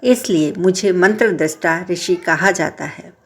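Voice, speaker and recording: A woman voicing a wise old male sage who explains calmly and slowly to his wife. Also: fairly low pitch. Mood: patient.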